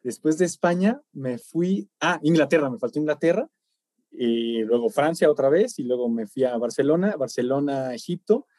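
A man's voice: fairly high pitch, moderate pace, dry recording, clean studio sound. A man, a podcast guest in casual chat, reeling off travel stops and laughing often. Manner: animated, laughs often, long lists of places.

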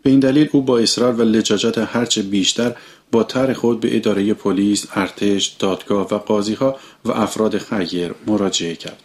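A man's voice: fairly low pitch, fairly even intonation. A man reading a story aloud as an audiobook, sharing narration and character lines.

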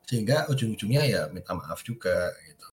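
A man's voice: lowish voice, sing-song, a little fast, reverberant. A man as a guest in a casual chat, telling stories about his partner and acting out quoted lines. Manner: storytelling, acts out quoted lines, trails off softly.

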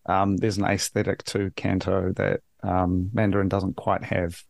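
A man's voice: deep voice, completely flat delivery, measured pace, gravelly, darkish tone, dry recording, studio quality. A man from New Zealand hosting a podcast interview, chatting casually and rambling with frequent restarts. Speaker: podcast host.

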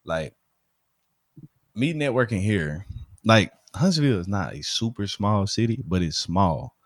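A man from Alabama in the United States, with a Southern accent, chats casually in slang as a DJ with a studio and podcast speaker, often checking that the listener is following along. His voice is on the low side with big pitch swings and an unhurried pace. The studio sound is clean, with no room sound.

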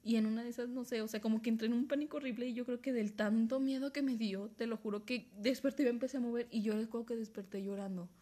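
A young woman with a Mexican accent on a casual podcast, telling a scary story in an excitable way, with swearing and laughter. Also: on the high side, quick pace, hardly any pauses. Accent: Mexican Spanish. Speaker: podcast co-host.

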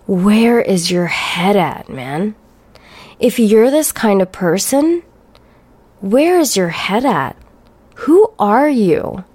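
A woman's voice: mid-range voice, very animated, slow, darkish tone, breathy edge. A woman hosting a solo podcast, talking in a blunt, profane, ranting and sarcastic way. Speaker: podcast host.

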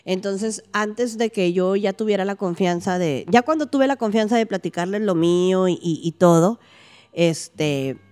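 A woman with a Mexican Spanish accent, a podcast guest, recounts a paranormal experience in casual chat. Her mid-range voice moves a little slowly, and she is animated, acting out the quoted dialogue.

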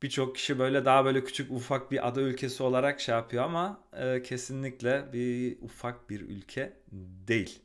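A man's voice: mid-range voice, fairly quick, hardly any pauses. A man co-hosting a travel podcast, casually reeling off facts and adding short agreements. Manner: lists facts, backchannels often. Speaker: podcast co-host. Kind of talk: casual chat.

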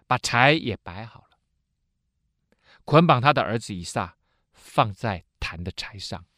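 A man tells a Bible story as a lesson, his pitch rising and falling in wide, animated sweeps. He pauses often on small filler sounds as he explains. The recording is dry and close, with no room sound behind him. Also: no room sound. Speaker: Bible teacher.

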